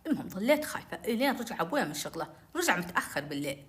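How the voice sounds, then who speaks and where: A woman telling a personal story, animated and acting out the dialogue. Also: mid-range voice, racing.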